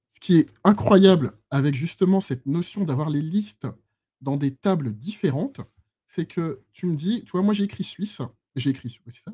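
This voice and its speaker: A man's voice: mid-range voice, mellow, husky. A man giving a chatty live-streamed lesson on databases, full of fillers, restarts and self-teasing asides. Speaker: instructor. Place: lives in Switzerland.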